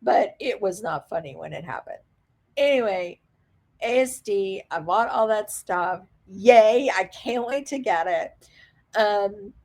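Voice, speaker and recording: Slow-talking woman telling a dramatic story. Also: fairly high pitch. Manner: animated, dramatic retelling with frequent laughter. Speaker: reseller vlogger. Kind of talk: casual storytelling vlog.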